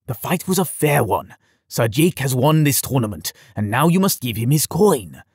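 A man voicing a calm, stern old advisor. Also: mid-range voice, moderate pace, slightly rough, no room sound, clean studio sound. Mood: soothing. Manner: steady, placating. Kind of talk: audiobook character voice.

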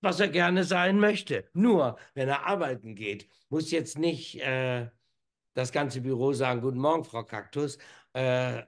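Speaking over a webcam on a video call from a room in his home, a man in his fifties co-hosts a casual, comedic chat, rambling and joking with plenty of restarts. His voice is mid-range and his pace a little slow.

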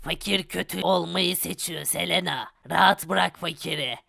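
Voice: mid-range voice, fairly even intonation, moderate pace, vocal fry, sharp tone, no room sound, clean studio sound. A performer voicing a manipulative villain named Hades in a Minecraft parody, commanding and cold. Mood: menacing.

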